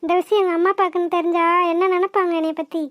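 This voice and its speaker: A shrill, fast-talking cartoon college girl, sharp-tongued and touchy. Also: level tone, no echo, studio quality. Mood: tearful. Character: young woman college student Anandhi, quick-tempered and tearful. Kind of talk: cartoon voice acting.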